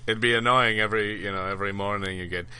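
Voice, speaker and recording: A man's voice: lowish voice, steady tone, quick pace, sharp tone, clear, resonant tone. A man co-hosting a podcast in casual banter, teasing with dry jokes. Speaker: podcast co-host.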